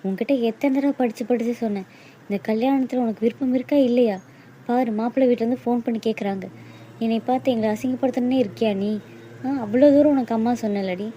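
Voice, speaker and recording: A woman's voice: a little high, fast talker, warm tone, a little hiss or hum, lightly acted. A woman playing a bitter, scolding mother. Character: angry, hurt mother of the bride.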